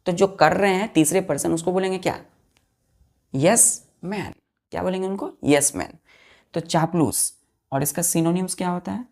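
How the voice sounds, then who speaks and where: A woman teacher with a lowish, gravelly voice runs a vocabulary lesson for her students. She spells each word out letter by letter, asks a question and answers it herself. Her delivery is slow and repetitive. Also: darkish tone.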